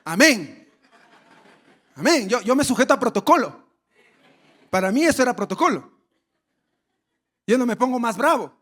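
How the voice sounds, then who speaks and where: A male pastor preaching a sermon, telling a funny story with lively acted shouts. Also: extremely high pitch, moderate pace, pauses often. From Ecuador. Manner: storytelling with humor and animated shouts.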